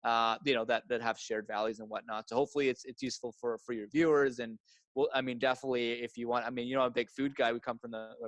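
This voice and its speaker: A young Canadian man, an entrepreneur guest in a casual interview, talking fast and enthusiastically and often repeating words. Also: mid-range voice, fairly even intonation, a bit bright, no echo, poor audio.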